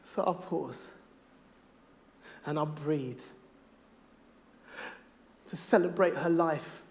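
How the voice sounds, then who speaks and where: A middle-aged father speaking on stage, performing spoken word poetry with a rhythmic, rhymed delivery that swings from hushed to loud. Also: a little high, extremely slow.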